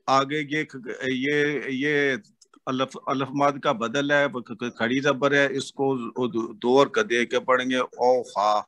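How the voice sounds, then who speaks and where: A man taking a recitation lesson, answering his teacher deferentially and reciting slowly and haltingly. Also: mid-range voice, flat delivery, a bit bright, dry recording. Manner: deferential, frequent "ji, ji" acknowledgments, slow halting recitation. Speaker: adult student. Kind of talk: reading aloud and answering in a lesson.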